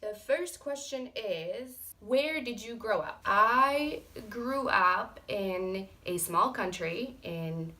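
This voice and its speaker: Bright-voiced chatty young woman vlogger. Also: medium pitch, lively intonation, takes it slowly, hardly any pauses. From Morocco. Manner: candid, chatty, frank with mild swearing. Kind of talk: casual get-to-know-me chat.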